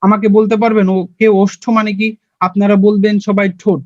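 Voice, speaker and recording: A man's voice: high voice, monotone, fairly quick, no echo. A young man teaching a Bangla grammar lesson online. He explains step by step, quizzes his viewers and answers himself, and has them repeat sounds along with him. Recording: dull, lo-fi and dry.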